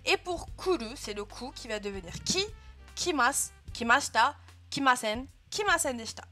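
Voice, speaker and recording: A young woman leads a live online class and walks her students patiently through grammar, pausing to check in with them. Her voice is bright and sits a little high. Soft music plays faintly underneath. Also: lively intonation. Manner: patient, clear explaining with frequent "euh" and "hein" checks. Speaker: Japanese teacher. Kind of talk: live online language lesson.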